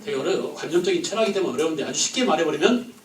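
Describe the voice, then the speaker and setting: A man teaching a history class, firing quick questions at the students and joking with them. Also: on the high side, animated, echoey room, far from the mic, a little hiss or hum, low-quality recording. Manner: quizzes the class with quick questions, jokes and laughs. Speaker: history lecturer.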